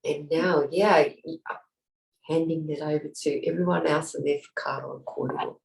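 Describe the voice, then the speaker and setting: An older woman with a New Zealand accent, sharing heartfelt reflections on a video call, halting and searching for words. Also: deep voice, fairly even intonation, gravelly, a little mellow. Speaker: programme participant. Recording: roomy, distant from the mic.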